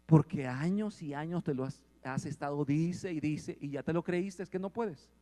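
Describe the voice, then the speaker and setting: A man preaching a sermon, asking the congregation questions and growing louder at points. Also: a little high, moderate pace. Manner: asks the congregation questions and swells in volume. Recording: long hall reverb.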